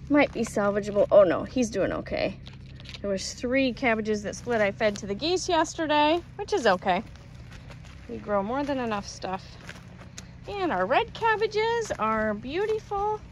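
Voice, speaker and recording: Woman vlogger, phone held out in a garden, slightly high, gravelly, cheerful chatter. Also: sing-song, a little slow, a little hiss or hum, poor audio. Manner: chatty and cheerful, exclaiming over her plants. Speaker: homesteading vlogger. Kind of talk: casual garden tour. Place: outdoor garden and greenhouse.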